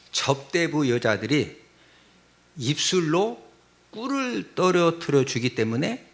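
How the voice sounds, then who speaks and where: A male pastor preaching a sermon in an animated, comic way, often calling out to the congregation. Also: a little high.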